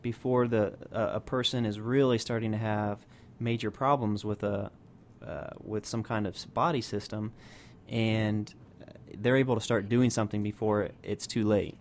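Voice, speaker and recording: Low-voiced man explaining with faint hum. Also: steady tone, normal speed. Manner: explanatory, many fillers and restarts. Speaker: health practitioner guest. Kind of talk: radio interview.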